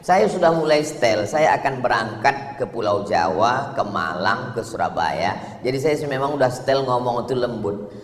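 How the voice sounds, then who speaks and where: A middle-aged man from Sumatra preaching a humorous sermon with a loud, booming delivery and playful jokes. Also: expressive, moderate pace. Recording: echoey hall with faint ambient noise.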